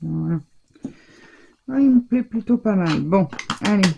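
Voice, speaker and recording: Chatty woman, low husky dark voice. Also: expressive, a little slow. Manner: chatty, hesitant, many fillers and restarts; stumbles over English product names. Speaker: scrapbooking crafter demonstrating. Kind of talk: casual craft tutorial.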